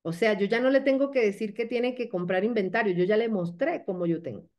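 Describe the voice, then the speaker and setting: A woman's voice: medium pitch, brisk, a little mellow. A woman coaching her sales team. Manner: coaching, checks in often with short questions. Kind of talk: motivational training talk.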